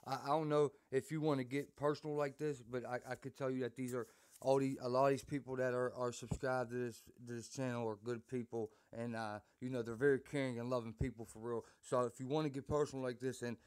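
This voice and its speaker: A man's voice: mid-range voice, little pitch movement, fast talker, darkish tone, clean tone. A man hosting a casual phone chat, speaking in a slangy, repetitive way and often saying "bro". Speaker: host taking a call from an inmate.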